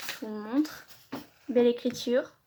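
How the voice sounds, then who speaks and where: A woman chatting excitedly on a casual unboxing vlog, often exclaiming and repeating herself. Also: on the high side, unhurried, background noise. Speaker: vlogger.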